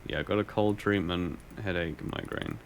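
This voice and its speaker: A man's voice: low-pitched, moderate pace, vocal fry, a little hiss or hum. A young man casually commenting while he plays a game on stream, wry and rambling, often muttering to himself. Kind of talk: casual let's-play commentary.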